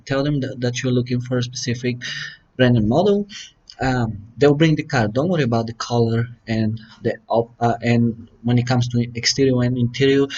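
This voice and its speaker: A man from Bulgaria, a dealership finance manager giving relaxed, step-by-step advice in a casual home vlog from his kitchen. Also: medium pitch. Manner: relaxed, plain-spoken, step-by-step instructions. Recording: slightly dull lo-fi recording.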